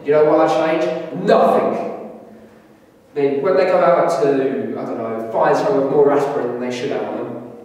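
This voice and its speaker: A man's voice: medium pitch, normal speed, darkish tone, natural voice. A young man playing a cocky party lad in a sweary, slangy, emphatic monologue to camera in a classroom. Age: young adult. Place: indoor classroom. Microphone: camera a few metres away. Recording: echoey room, distant mic, faint noise.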